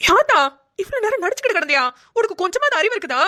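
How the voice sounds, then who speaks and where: A woman voicing a scolding, sharp-tongued village neighbor in a cartoon. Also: extremely high pitch, big pitch swings, very fast, heavily acted. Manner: scolding, rustic. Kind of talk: cartoon voice acting.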